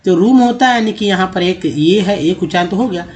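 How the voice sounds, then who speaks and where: High-voiced man drilling pronunciation. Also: darkish tone. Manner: repeats words slowly and drills pronunciation, asking the viewer questions. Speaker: English teacher. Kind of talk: Hindi-language English reading lesson.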